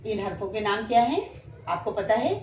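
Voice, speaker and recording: In an echoey room with faint ambience and a little hiss or hum, a woman spells out Quranic letters for beginners in a slow lesson, patiently stretching each name for students to echo back. She has a Pakistani Urdu accent and an animated, mid-range, darkish voice at normal speed.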